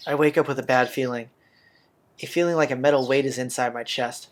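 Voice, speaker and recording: A male playthrough host speaks at medium pitch, steadily and fairly quickly, as he reads a visual novel's narration aloud, occasionally fumbling a word. Soundtrack music from the game plays behind his voice.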